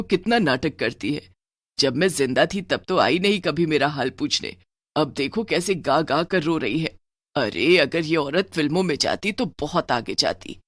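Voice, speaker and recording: A woman's voice: deep voice, a bit bright, dry recording, pitched below the performer's own voice. Cartoon witch-mom spirit, fretful and scolding, dry close sound, woman doing it. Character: worried dead mother turned female witch.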